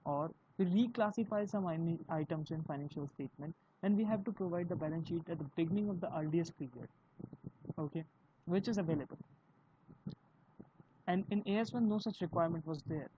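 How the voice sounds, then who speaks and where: A speaker with an Indian accent giving an explanatory video lesson on accounting, talking in a halting way with frequent fillers. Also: mid-range voice, mellow. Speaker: accounting teacher. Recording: dull lo-fi recording with faint hiss.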